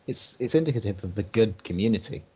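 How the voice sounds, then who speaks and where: A man's voice: on the low side, animated, dark tone, breathy edge. A man co-hosting a game stream, with dry, teasing banter. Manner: dry, teasing, quick talker. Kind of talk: casual chat on a game stream.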